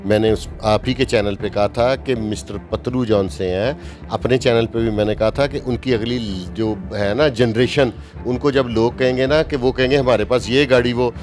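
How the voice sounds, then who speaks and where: Brief: emphatic Pakistani journalist, fifties, faint music behind. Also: male voice, mid-range voice, fairly even intonation, a little mellow. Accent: Pakistani Urdu. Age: 50s. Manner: emphatic, opinionated, slows down to stress points. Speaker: journalist guest. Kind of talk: interview talk.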